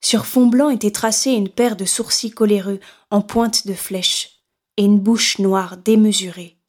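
A woman reading a horror novel aloud in steady, measured scripted narration. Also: medium pitch. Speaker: audiobook narrator.

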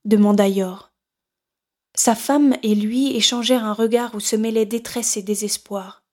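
A woman reading a horror novel aloud in steady, measured scripted narration. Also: a little high. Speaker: audiobook narrator.

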